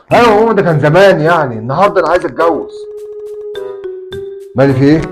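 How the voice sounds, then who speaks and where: A man's voice: a little high, natural voice. An Egyptian young man acting out a desperate son pleading with his mother on the phone for a bride, whiny and pleading. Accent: Egyptian Arabic.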